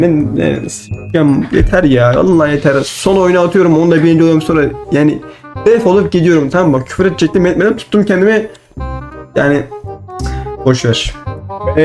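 A young man commenting on his own gameplay, excitable, talking to himself and bursting into shouts. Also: high-pitched. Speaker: gaming channel host.

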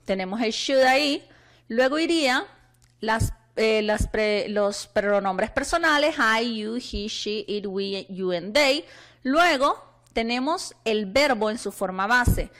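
A woman teacher from Honduras explains grammar in a fairly high voice. She reads each example sentence slowly and clearly, in a patient classroom manner. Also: animated, a bit bright. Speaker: English teacher. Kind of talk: classroom lesson.

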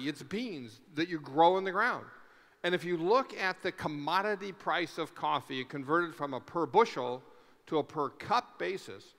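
A middle-aged man with a fairly high, slightly bright voice delivers a conference keynote on a large stage through a headset mic. He speaks emphatically, leaning on rhetorical questions and repeated lists, and the long reverb of the hall trails his words.

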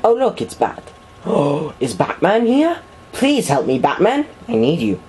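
Gaming commentator, melodramatic and panicky, unhurried delivery with big swings in pitch. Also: sing-song, a little mellow, slight background noise, low-quality recording. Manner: melodramatic, panicky, repeats words in long strings. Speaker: gameplay commentator. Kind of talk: let's-play commentary.

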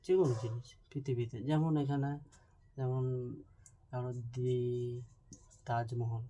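Dark-voiced teacher spelling words aloud. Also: medium pitch, fairly even intonation, unhurried, a little hiss or hum, rough recording. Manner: explains step by step, spells words letter by letter, asks checking questions. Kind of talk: classroom grammar lesson.

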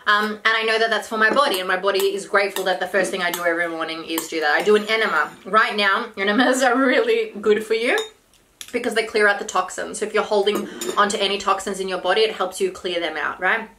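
A woman's voice: mid-range voice, fairly even intonation, quick pace, pushed and bright. A woman in her thirties chatting casually and giving health advice while eating at a table. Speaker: vlog host and health coach. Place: small room indoors at a table. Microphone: camera a short distance away. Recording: background noise, clinking cutlery and bowls.

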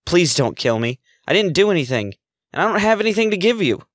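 A man's voice: fairly high pitch, quick pace, fairly bright tone, clean tone, dry recording, studio quality, voice pushed up, natural voice. A man voicing a terrified teenage girl held captive, who pleads frantically. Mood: frantic, pleading.

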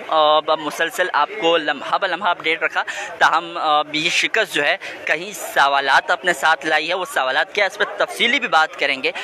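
Bright-voiced male field reporter. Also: on the high side. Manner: halting, many fillers and restarts. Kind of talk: live news report. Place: large open-air screening venue at night.

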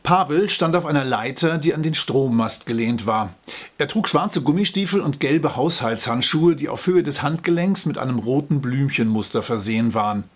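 A man reading a novel aloud as an audiobook narrator, in a lively, expressive way. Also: medium pitch, moderate pace. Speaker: audiobook reader. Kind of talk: scripted narration.

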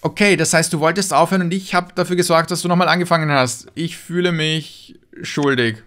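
A man's voice: fairly even intonation, fast, fairly bright tone. A man doing casual gaming commentary, chatting and answering viewer messages as a let's player. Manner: chatty, jumps in pitch when reading names.

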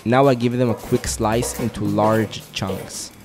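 Man calmly narrating a cooking tutorial. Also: on the low side, measured pace. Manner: calm step-by-step instructions. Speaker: fitness cooking creator. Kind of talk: scripted cooking voice-over. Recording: voice-over over loud music. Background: background music.

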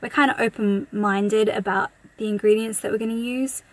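A woman's voice: medium pitch, steady tone, moderate pace, no echo. An Australian woman in her thirties, chatting casually through a grocery haul and listing prices in a matter-of-fact way from inside a parked car. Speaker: vlogger.

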